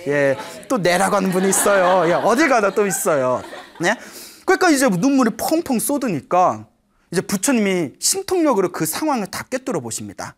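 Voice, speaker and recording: Animated woman preaching a story sermon. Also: medium pitch, fairly quick. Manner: animated, asks the audience often, laughs while telling. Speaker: Buddhist monastic preacher. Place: before a live audience.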